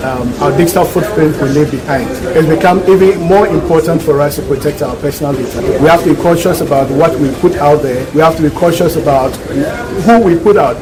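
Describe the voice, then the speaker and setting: A man with a slightly high voice makes a public statement, explaining as an official would. A clear murmur of people sits behind him. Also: low-quality recording. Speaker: official giving a news soundbite. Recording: crowd noise behind the voice.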